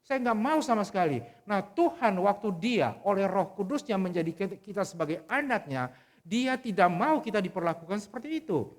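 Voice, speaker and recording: A man's voice: high voice, big pitch swings, normal speed. Earnest middle-aged male pastor preaching. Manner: earnest, conversational preaching with frequent restarts. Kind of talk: sermon with personal storytelling. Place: church service.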